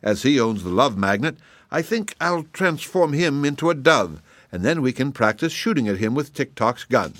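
A man voicing a cruel, quick-tempered male gnome king who roars and snarls his threats. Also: medium pitch, sing-song, fairly bright tone, no room sound, voice pushed up. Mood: menacing.

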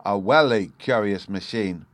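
For an audiobook, a man voices an eager, stubborn little fairy boy with a babyish lisp. His own voice is fairly low and unhurried, close to an everyday voice, with no echo.

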